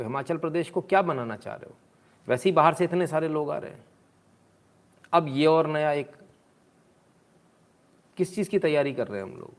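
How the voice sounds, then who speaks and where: A man hosting a live stream, commenting sarcastically on video clips and answering viewers' comments in a mocking, scolding way. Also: on the high side.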